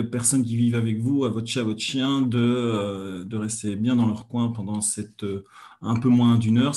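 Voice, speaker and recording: A man teaches hypnosis and communication on his own channel, in a mellow, warm tone. He speaks in a measured, soothing way, often pausing on filler sounds as he gathers his thoughts. His pitch sits in an ordinary middle range. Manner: hesitant, many filler pauses. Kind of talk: calm teaching talk on a livestream.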